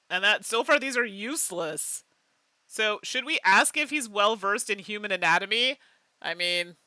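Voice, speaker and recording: Animated, bright-voiced woman streamer. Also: medium pitch, no echo. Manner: animated, laughs often, chats with viewers. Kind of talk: live game playthrough chat.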